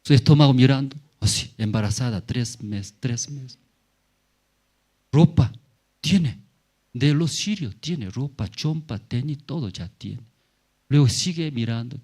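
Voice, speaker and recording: A male pastor delivers a Sunday sermon at a slow, deliberate pace in a mid-range voice. He speaks in short, simple phrases and keeps checking in with the congregation through rhetorical questions. Now and then he raises his voice to play out a Bible scene. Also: mid-range voice, darkish tone. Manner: often acts out Bible characters in a raised voice.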